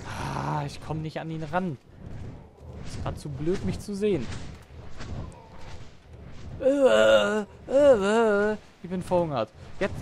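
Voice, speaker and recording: Over loud game music and a noisy background, a man with a high-sitting voice narrates his gameplay as a let's player. He's fed up, swearing at the game and shouting to the on-screen creatures.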